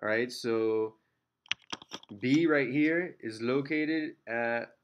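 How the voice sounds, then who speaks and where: A man's voice: medium pitch, very slow, muffled recording, a little hiss or hum. A man teaching a math lesson, working through problems step by step and checking in with "okay?" and "all right?", with the odd self-mocking joke. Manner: light self-deprecating asides.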